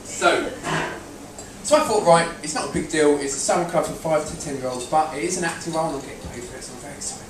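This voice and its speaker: Young male stand-up comic, chatty storyteller who banters with the crowd. His voice sits a bit high and sounds echoey and off-mic. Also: fast talker, slight background noise. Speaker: stand-up comedian. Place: comedy venue in front of an audience. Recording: roomy live venue, distant mic.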